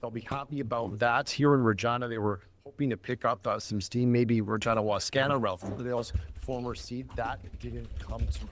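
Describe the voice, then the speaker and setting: A male television correspondent giving live election updates in a measured, even delivery. His pitch is ordinary for a man. Faint noise sits under the broadcast. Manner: measured, steady reporting. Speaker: TV news correspondent.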